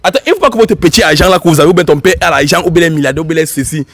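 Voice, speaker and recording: A man's voice: on the high side, lively intonation, racing, fairly bright tone, slightly rough. A man, hosting a street prank and lecturing in an argumentative way. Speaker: prank show host.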